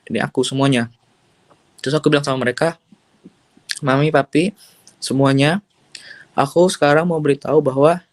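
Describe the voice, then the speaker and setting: A man's voice: medium pitch, no echo. A young man giving a personal faith testimony as an interview guest, telling it casually and earnestly and dropping in English phrases. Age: young adult.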